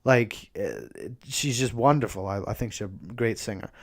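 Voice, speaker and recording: A man's voice: on the low side, expressive, normal speed, creaky. A young man hosting a casual podcast monologue, talking enthusiastically, swearing freely, with frequent ums and restarts. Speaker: podcast host.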